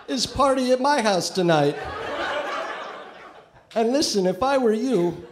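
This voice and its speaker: A man voicing a husband gloating to his buddies on the phone, loud, high and gleeful, during a comedy club set. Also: background noise.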